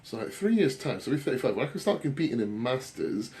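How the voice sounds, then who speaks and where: A British man in his thirties, a bodybuilding coach, co-hosts a podcast in a casual, rambling, self-deprecating style full of blokey swearing. His mid-range voice has a dark tone and a sing-song lilt, and he talks fast.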